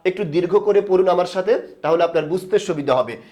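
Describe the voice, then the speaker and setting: A man with a high voice teaches a grammar lesson to a video audience. He asks a question and then answers it himself. He draws sounds out slowly so viewers can repeat them. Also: darkish tone. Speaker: Bengali grammar instructor.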